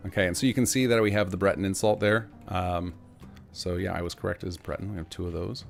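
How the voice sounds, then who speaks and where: A man's voice: low voice, fairly even intonation, quick pace, gravelly. A man giving casual gameplay commentary as a developer, informal and explanatory. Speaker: game mod developer giving a demo. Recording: faint game music behind.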